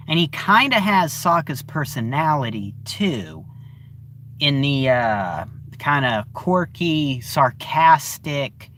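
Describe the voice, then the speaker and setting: Slow, halting young-sounding male reviewer. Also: fairly high pitch, a bit bright. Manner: halting, searching for words, many fillers. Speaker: TV series reviewer. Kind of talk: casual spoken review.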